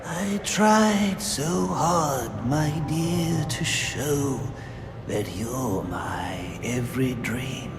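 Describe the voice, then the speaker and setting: An actor playing a manic, theatrical, mocking clown villain in a video game, with a cackling, gleeful delivery. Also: male voice, medium pitch, lively intonation, extremely slow. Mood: mournful, mocking croon. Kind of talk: video game villain acting, partly crooned song. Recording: echoey hall reverb, music behind.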